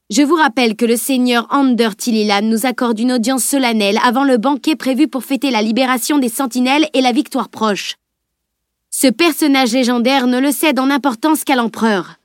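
A woman puts on a pompous, fussy male master who lectures everyone around him, his voice pitched up and pushed loud. The delivery is haughty and scolding, like a storybook schoolmaster. The recording is close and dry. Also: no echo, natural voice.

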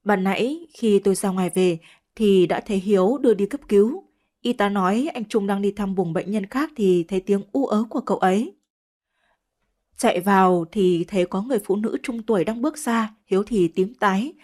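A woman reading the lines of an apologetic man looking after a sick boy, in a soft, regretful way. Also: medium pitch, lightly acted. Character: apologetic middle-aged man, caretaker.

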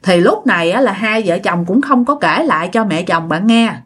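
A woman's voice: mid-range voice, expressive, moderate pace, husky. A woman telling a ghost story in a chatty way, talking straight to her listeners. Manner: chatty, addresses the listener directly. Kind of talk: casual ghost-story narration.

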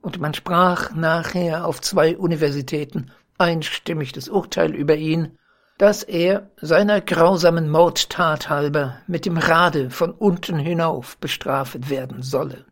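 An audiobook narrator reading old literary prose in a measured, dramatic way. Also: mid-range voice, steady tone.

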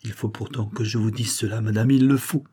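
A man voicing an earnest young cavalry officer who confides in a low, urgent way. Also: steady tone, brisk, mellow, slightly rough.

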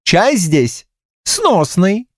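A man voicing a boastful, self-satisfied Monkey King who talks slowly and grandly in an audiobook. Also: high-pitched, very animated, no room sound, studio quality, voice pushed up, heavily acted. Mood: smug. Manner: pompous, slow and self-satisfied. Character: smug, boastful Monkey King, male, ageless.

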